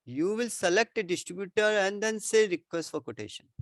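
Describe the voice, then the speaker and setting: A man's voice: high voice, lively intonation, fairly quick, no room sound, studio quality. A man with an Indian accent explaining things informally as an expert answering questions, often repeating himself and checking with "right?". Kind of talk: informal explanatory Q&A with worked examples.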